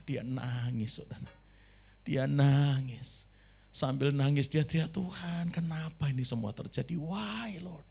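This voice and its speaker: A man preaching a sermon, telling a story with big swings between loud and soft and acting out the voices of the people in it. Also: medium pitch. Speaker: pastor. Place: church service.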